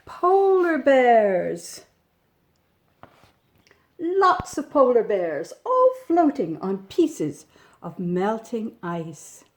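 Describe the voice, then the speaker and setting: A woman reads a picture book for young children slowly, her voice animated and varied in pitch. Gentle and expressive, she adds chatty asides and points out pictures by asking the small listeners questions.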